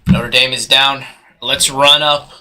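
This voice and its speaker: A man hosting a live sports card break, calling auction bids in hyped, fast patter. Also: medium pitch, fairly even intonation, noisy background. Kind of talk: live sales commentary.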